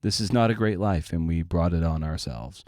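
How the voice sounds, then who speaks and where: Casual and rambling, this deep-voiced, middle-aged man hosts a podcast, mixing sardonic self-deprecation with occasional blunt cursing. He keeps a moderate pace and a darkish tone, and the sound is completely dry, without any room echo.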